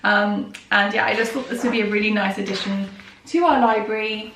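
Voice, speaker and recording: A book reviewer and vlogger in her thirties, hoarse while recovering from losing her voice to a recent illness, chats enthusiastically about children's books with many ums and soft laughs. Her medium-pitched voice is steady and fairly quick. The recording is roomy and distant from the mic, with faint noise.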